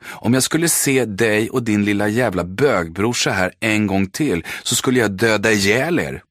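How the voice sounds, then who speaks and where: A man reading an audiobook voices a cocky teenage boy bully who shouts taunting threats. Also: fairly low pitch, dry recording, clean studio sound, voice pushed up. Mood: threatening.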